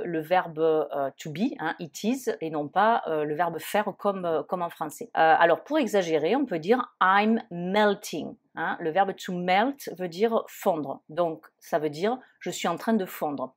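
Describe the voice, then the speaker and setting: A woman teaches English expressions in a calm, patient lesson. Her voice sits a little low, and she pauses often to explain each phrase. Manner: patient, explanatory, many fillers like euh and hein.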